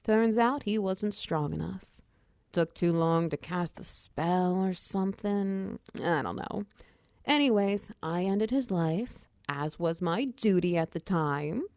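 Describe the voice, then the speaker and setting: With a medium-pitched voice and no echo, a woman voices a warm, chatty female minotaur wizard mentoring an apprentice, ASMR roleplay style. She's encouraging and softly instructive, in a casual storytelling mood.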